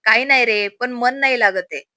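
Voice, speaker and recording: A woman's voice: a little high, a little fast, pushed and bright, no echo, clean studio sound. A woman voicing a lovesick young man who speaks in a subdued, weary way. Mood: downcast.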